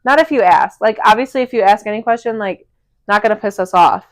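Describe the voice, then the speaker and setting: A woman's voice: medium pitch, a little fast, dry recording. Woman cohost, blunt and sweary, dry close mic. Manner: blunt, swears freely, lots of "like" fillers. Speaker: podcast co-host. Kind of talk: casual chat.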